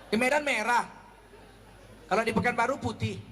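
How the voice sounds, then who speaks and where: A man from North Sumatra giving a humorous Islamic lecture, animated and acting out everyday quarrels. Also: extremely high pitch, moderate pace, long reverb tail. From North Sumatra, Indonesia. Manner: animated, acts out quarrels in a raised voice. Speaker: Islamic preacher.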